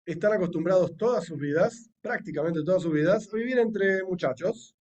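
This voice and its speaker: A man's voice: sits high, moderate pace, a little mellow, far from the mic. A man with an Argentine accent, a rabbi teaching a Torah lesson in a chatty, explanatory way with wry joking asides. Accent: Argentine Spanish.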